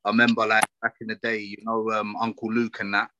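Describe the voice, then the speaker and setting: A man with a London accent giving opinions in a casual discussion, forceful and slangy, often checking that he is being followed. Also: fairly low pitch, completely flat delivery, brisk, lo-fi sound, background noise.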